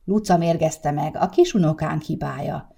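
A woman's voice: deep voice, gravelly, warm tone, husky, exaggerated voice. A woman voicing an easygoing, bumbling older grandfather who mumbles and defends himself, read in an audiobook. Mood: defensive. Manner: mumbling, defensive, good-natured. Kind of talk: audiobook character reading.

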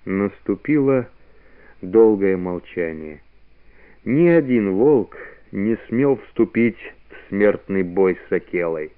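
A man narrating a storybook in a calm, unhurried way on a narrow-band old radio recording. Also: on the low side, clear, resonant tone, dry recording.

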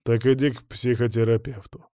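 A man reading an audiobook, voicing an irritable middle-aged man who grumbles and shouts in a gruff way. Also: mid-range voice, flat delivery, normal speed, no room sound, studio quality, close to an everyday voice. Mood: grumbling. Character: irritable middle-aged man, a suspected widower, quick to explode.

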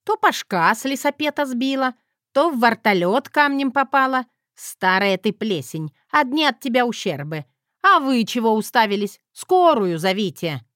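A woman voicing a brash, rough, bossy woman who talks loud and blunt in an audiobook. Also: fairly high pitch, very animated, normal speed, no room sound, clean studio sound, voice pushed up. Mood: scolding.

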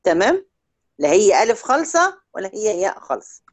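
A woman with an Egyptian Arabic accent teaching Quran recitation one-on-one, stretching example words out slowly and checking in often with short questions. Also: medium pitch, sing-song. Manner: drawls out example words slowly to demonstrate sounds. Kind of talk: one-on-one tajweed lesson.

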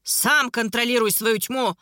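A hot-headed young dark sorcerer snarls and hurls insults, as a woman puts him on for an audiobook. His voice is pitched high and bright, the reading dry and close. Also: big pitch swings, measured pace, no echo, exaggerated voice. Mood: snarling. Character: furious short dark-haired male sorcerer.

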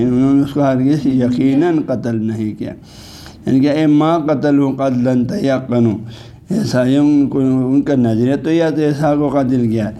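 Dark-voiced man giving a patient religious lecture. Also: mid-range voice. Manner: patient, explanatory, repeats "haan ji" to check on listeners; slowly recites Arabic scripture and technical terms. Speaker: religious scholar.

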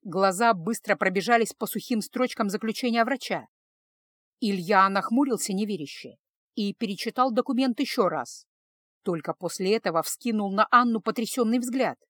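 A woman's voice: medium pitch, moderate pace, dry recording. Woman narrating a romance audiobook, dry close voice. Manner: steady, emotive storytelling.

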